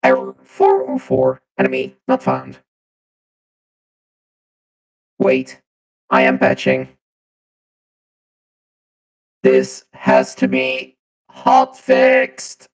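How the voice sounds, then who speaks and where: A man using a deep pitch-shifting voice changer to voice a friendly robot champion with glitchy updates, trying the lines out both flat and with feeling. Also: slow, slight background noise, exaggerated voice, rough recording. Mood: robotic. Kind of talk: voice-line tryout on a live stream.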